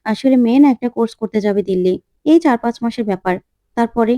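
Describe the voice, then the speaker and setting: A woman's voice: a little high, quick pace, dark tone, dry recording, lightly acted. A woman voicing an anxious middle-aged mother who answers hesitantly and evasively.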